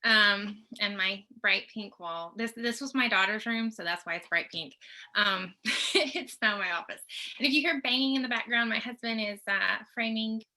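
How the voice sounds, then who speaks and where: A woman's voice: medium pitch, moderate pace, bright, forceful tone. A middle-aged woman from the US Tornado Alley region gives a chatty, reassuring presentation from her home office over a video call, checking in with her listeners as she goes. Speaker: team member presenting.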